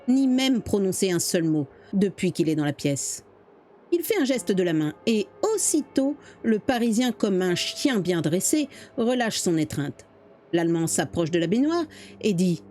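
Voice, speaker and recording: A woman telling a dramatic true story as scripted narration, with expressive delivery. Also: mid-range voice, no room sound, clean studio sound.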